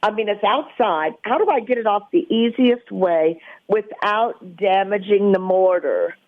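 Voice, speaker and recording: A woman's voice: mid-range voice, unhurried, dry recording. Hesitant woman caller on a phone line. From Louisiana. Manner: hesitant, searching for words. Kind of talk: radio call-in question.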